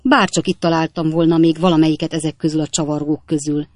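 A woman's voice: deep voice, steady tone, no room sound, studio quality, close to an everyday voice. A woman reading aloud and voicing a pompous, bullying landowner captain who barks orders at his gardeners. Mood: raging. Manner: barking, bullying commands. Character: pompous blustering male landowner captain, middle-aged.

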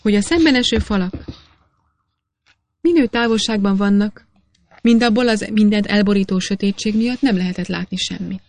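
A woman reading a classic adventure novel aloud in an even storytelling manner. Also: medium pitch, pauses often, no echo. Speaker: audiobook reader. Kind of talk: scripted narration.

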